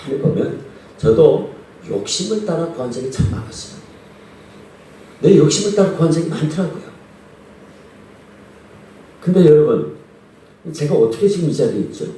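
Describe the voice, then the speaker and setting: A man's voice: medium pitch, warm tone, a little hiss or hum. A male pastor preaching a revival sermon in a church, talking conversationally and asking the congregation questions. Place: church sanctuary. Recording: echoey church hall, distant mic.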